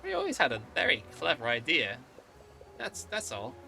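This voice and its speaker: A man's voice: mid-range voice, huge pitch swings, moderate pace, creaky, pushed and bright, a little hiss or hum, pitched above the performer's own voice, full character voice. A man voicing an earnest woman of fifty who recalls a lost best friend, reading game dialogue aloud. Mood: earnest, defensive.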